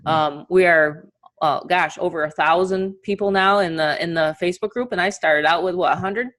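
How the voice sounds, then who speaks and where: A woman with a New York accent coaching an online webinar in a casual, chatty, encouraging and energetic way. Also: lowish voice, normal speed. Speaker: online marketing coach and host. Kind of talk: casual webinar training and motivational talk.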